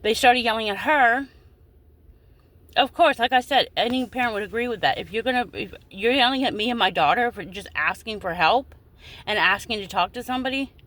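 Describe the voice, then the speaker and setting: A woman's voice: medium pitch, a bit bright. A woman in her forties, upset and indignant, venting straight to her followers in a video and cursing now and then. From United States. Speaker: vlogger.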